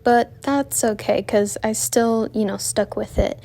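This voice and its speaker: A woman's voice: a little high, a little slow, creaky, warm tone. A woman narrating a casual voice-over about her drawing, out of breath because she walks while she talks, chatty and rambling with frequent self-corrections. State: out of breath from walking. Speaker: art vlogger narrating her drawing process.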